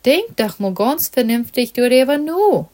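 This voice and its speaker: Woman reading caring young woman, anxious, pleading, storybook, high pitch. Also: sing-song, a little slow, a little mellow.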